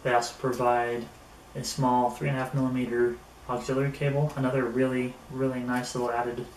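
Seated at a table in a small indoor room, a middle-aged man does a casual unboxing and gear review to camera, unhurried and mild, his pitch fairly flat. The camera mic sits a few metres away, so the sound is roomy and echoey with noticeable noise.

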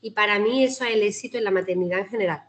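A woman's voice: medium pitch, rapid-fire, a little hiss or hum. A woman physiotherapist with a Spanish accent giving a chatty, informal talk to a breastfeeding group over a video call, with many tag questions and restarts. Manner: chatty, warm-hearted, frequent "¿no?" tags and restarts.

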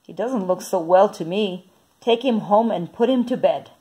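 A woman voicing a hearty, booming male football coach in a storybook reading. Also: mellow, natural voice, poor audio. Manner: booming, brisk.

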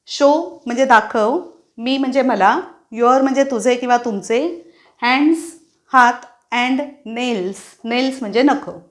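Slow, careful woman teacher. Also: on the high side. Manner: slow, careful pronunciation drills, repeating each phrase. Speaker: English teacher. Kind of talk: spoken English lesson explained in Marathi. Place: classroom-style setting at a board.

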